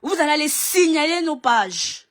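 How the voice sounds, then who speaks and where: Scolding woman, higher voice. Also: expressive, normal speed. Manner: scolding, mocking, heavy repetition. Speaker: online commentator. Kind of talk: ranting live video.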